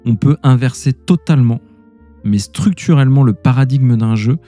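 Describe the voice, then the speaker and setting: Very mellow, dark-toned man hosting. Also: mid-range voice, normal speed, soft background music. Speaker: podcast host. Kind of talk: casual game review and chat.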